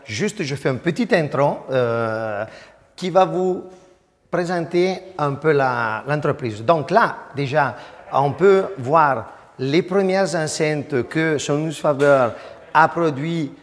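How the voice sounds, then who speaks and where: A fairly high-voiced man guiding a tour as an acoustic engineer. He explains things plainly with a few fillers, and his voice rings out with long reverb in a big hall. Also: lively intonation, slow pace.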